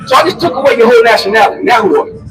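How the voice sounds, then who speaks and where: A man's voice: extremely high pitch, animated, rapid-fire, fairly bright tone, recorded from a distance, soft background music, rough recording. A man preaching in the street, emphatic, pressing listeners to answer him back.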